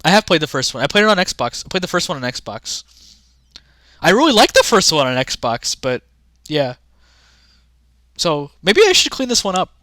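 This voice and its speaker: A man's voice: a little high, sing-song, moderate pace, pauses often, bright, forceful tone, dry recording, studio quality. A young man rambling casually to his chat during a livestream, often restarting sentences. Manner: rambling, chatty, talks to chat. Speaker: streamer.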